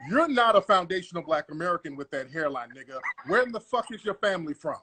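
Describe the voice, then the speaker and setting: A man hosting a live call-in room fires aggressive, profane questions at callers, repeating himself in a confrontational comedy routine. His high-pitched voice is sharp with a breathy edge, quick-paced and lively in intonation.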